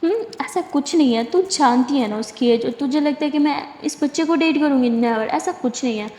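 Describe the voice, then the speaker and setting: A breezy, teasing young woman waving off every doubt, as a woman storyteller voices her. Her tone is slightly high. A long reverb trails each phrase. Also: warm tone, lightly acted. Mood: dismissive.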